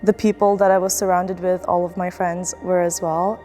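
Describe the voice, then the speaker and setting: A woman's voice: lowish voice, flat delivery, normal speed, mellow, faint music behind. A young woman student athlete from the Philippines, speaking in a casual, reflective documentary interview with fillers and restarts. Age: young adult.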